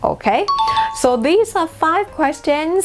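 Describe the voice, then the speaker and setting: A woman hosting a casual English lesson, chatting in a lively way and mixing English phrases into her explanations. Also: extremely high pitch, drawn-out words, over music. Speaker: English teacher and channel host.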